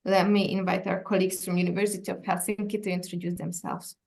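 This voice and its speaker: Woman running a zoom meeting, lowish gravelly voice, polite, kinda procedural. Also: level tone, fast, a little mellow. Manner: polite, procedural, with some fillers. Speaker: education department director, meeting chair. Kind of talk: video call meeting, chairing introductions. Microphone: video call.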